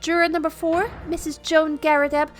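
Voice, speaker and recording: A woman's voice: high-pitched, level tone, fairly quick, soft background music, lightly acted. A woman voicing a determined, formal and articulate young courtroom defense assistant in a video game. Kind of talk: video game read-aloud voice acting.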